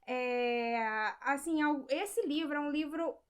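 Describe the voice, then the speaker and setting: A young Brazilian woman with a high voice talks through a book review in a casual, chatty way. She keeps tossing in little check-ins with her listeners and restarts her sentences as she thinks. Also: takes it slowly. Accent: Brazilian Portuguese. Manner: chatty, many fillers and rhetorical "sabe?". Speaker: book vlogger.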